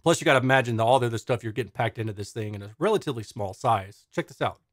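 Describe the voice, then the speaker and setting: A man's voice: medium pitch, very fast, no echo. Chatty man reviewing gear, dry sound. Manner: chatty, enthusiastic, explains technical terms. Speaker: audio reviewer. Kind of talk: casual product review.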